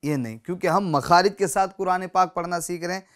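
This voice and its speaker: A man teaching Quran reading in a spoken lesson. He repeats each example slowly and patiently, speaks straight to the viewers and asks them to read along, and often says "theek hai" between points. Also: high-pitched, fairly bright tone.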